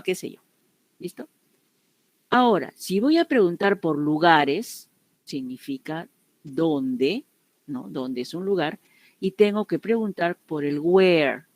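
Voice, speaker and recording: A woman's voice: low voice, no room sound. Patient woman teaching an English class. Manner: patient, repeats examples and keeps checking understanding. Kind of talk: online class explanation.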